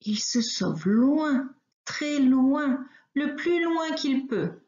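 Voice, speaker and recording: A woman reading a children's story aloud, expressive and unhurried. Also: high voice. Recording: roomy, slightly dull recording.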